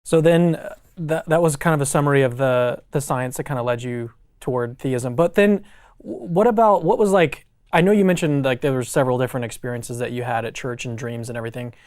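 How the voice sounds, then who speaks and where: A man's voice: medium pitch, brisk, a little mellow, no echo, clean studio sound. A young man interviewing a guest, asking questions casually with lots of fillers. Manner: casual, uses many fillers like "like".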